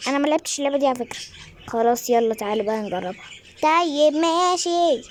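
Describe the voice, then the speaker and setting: Egyptian woman, high voice, rapid talk, excited gaming commentary, faint background hiss. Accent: Egyptian Arabic. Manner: excited, chatty, scolding kids aside. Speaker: gaming YouTuber. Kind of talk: casual gameplay commentary.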